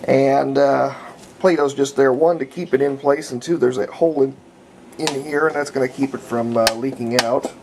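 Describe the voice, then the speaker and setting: Thinking aloud in a folksy, meandering way, a hobbyist restorer offers casual, unplanned instructions on a repair. His medium-pitched voice is steady and creaky, at a normal speed, with background noise.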